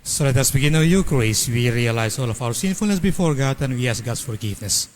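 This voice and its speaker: A man with a Filipino accent, a priest presiding at Mass and intoning the prayers in a measured, solemn way, heard with cathedral echo. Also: medium pitch, lively intonation, slight background noise. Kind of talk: liturgical recitation. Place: large cathedral. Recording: long cathedral reverb, faint ambience.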